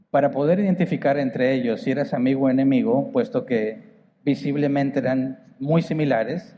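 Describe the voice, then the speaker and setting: A man's voice: mid-range voice, big-room sound, muffled recording. A man with a northern Mexican accent preaching a sermon as pastor, conversational, asking the congregation rhetorical questions. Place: church hall.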